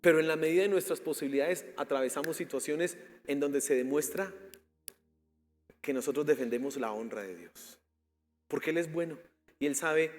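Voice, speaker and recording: A man's voice: a little high, darkish tone, big-room sound. A male pastor from Colombia preaching a sermon and leading a fervent prayer in a church. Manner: impassioned preaching with rising prayer. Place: church sanctuary.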